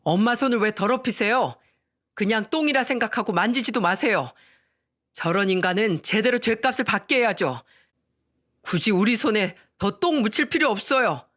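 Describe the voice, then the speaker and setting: A woman's voice: mid-range voice, expressive, normal speed, a bit bright. A woman voicing a scornful betrayed husband. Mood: contemptuous. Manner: scornful and cutting. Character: betrayed young husband, cold and contemptuous.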